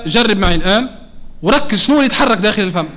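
Teaching a class to recite the Quran, a Tunisian Arabic-accented man often makes sure his students keep up and slows down to demonstrate sounds. He speaks in a high, animated voice with a bright, forceful tone.

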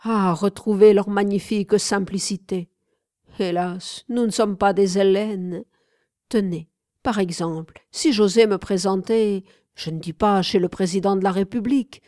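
A woman's voice: medium pitch, dark tone, no echo, studio quality, lightly acted. A woman voicing an aging, celebrated male sculptor who muses aloud with rhetorical questions, in an audiobook reading.

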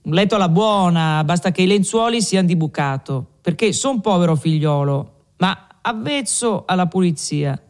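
A man voicing a cheerful, boastful young male peasant in an audiobook, exclaiming loudly and with gusto. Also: sits high, animated, moderate pace, hardly any pauses. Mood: jovial. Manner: exuberant, loud exclamations.

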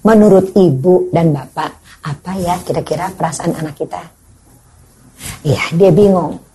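A woman's voice: on the low side, measured pace, dark tone. An older woman giving a parenting seminar, questioning her audience and acting out scolding parents. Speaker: parenting speaker.

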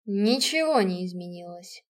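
A woman reading aloud plays a grim, undead general whose voice drops lower and pushes louder than the surrounding narration. His words come out clipped and harsh, cold and unyielding. This is a storybook reading. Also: lively intonation, a little slow. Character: cold stern dead male general.

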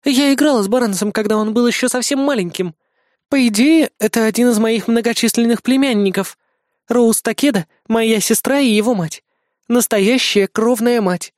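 A man's voice: very high voice, moderate pace, no room sound, clean studio sound, pitched above the performer's own voice. A man putting on a fussy scolding young woman. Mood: explaining. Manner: scolding, fussing. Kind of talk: audiobook character voice.

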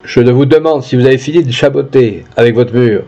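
A man's voice: mid-range voice, fairly quick, warm tone, lo-fi sound, natural voice. A man doing a brusque country judge. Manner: brusque, curt. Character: gruff, impatient country justice of the peace.

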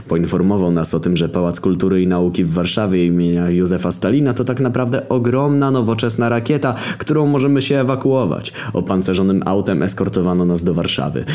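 A man's voice: sits low, a little mellow. A man narrating a crude, mocking comic story, jumping into voices for the characters.

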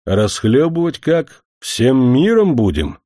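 A stern, weary old grandfather grumbles in gruff, old-fashioned village speech, as a man reads him in a story. The voice is mellow and dark and moves a lot. The recording is close and dry. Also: mid-range voice, sing-song, slow, no room sound, pitched above the performer's own voice. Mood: grumbling.

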